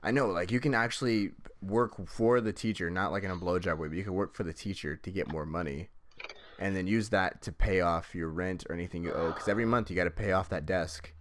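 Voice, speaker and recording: A man's voice: low-pitched, a little fast. A man chatting casually as a podcast host, with a rambling, swear-heavy way of talking. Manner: profane, rambling. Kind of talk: casual chat.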